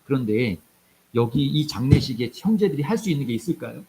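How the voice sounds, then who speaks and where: A man's voice: mid-range voice, fairly quick, a little hiss or hum. A male pastor from South Korea preaching a sermon, acting out the voices of people in his stories as he goes. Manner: animated, acts out quoted voices in dialogue.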